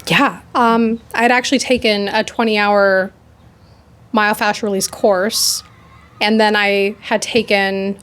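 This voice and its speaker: A young woman in her twenties, a new occupational therapy graduate, talking in a quick, chatty way with lots of "like" and restarts in a casual interview. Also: medium pitch, flat delivery, fairly bright tone.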